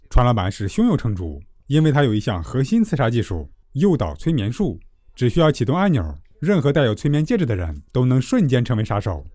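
A man giving a scripted, comedic movie recap narration with tongue-in-cheek, deadpan joking. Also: mid-range voice, no echo, studio quality.

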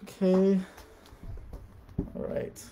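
A man's voice: extremely slow, warm tone. A man chatting casually on a live stream, reading out card names and talking to viewers.

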